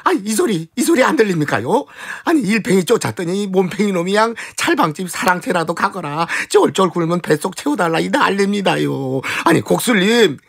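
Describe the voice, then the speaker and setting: A man's voice: high-pitched, big pitch swings, fairly quick, gravelly, hardly any pauses, exaggerated voice. A man voicing a whining, hapless commoner in a radio comedy sketch, wailing and pleading with his master.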